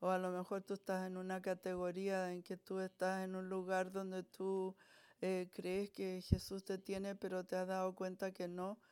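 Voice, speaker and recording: A woman pastor leading a church altar call, praying fervently with pauses and restarts. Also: on the low side, monotone, a little mellow, clean tone.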